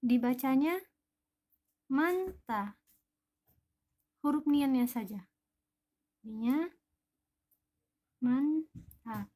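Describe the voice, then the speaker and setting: A woman's voice: sits high, lively intonation, very slow, long pauses, warm tone. A woman teaching a language lesson, patiently explaining each example word one by one.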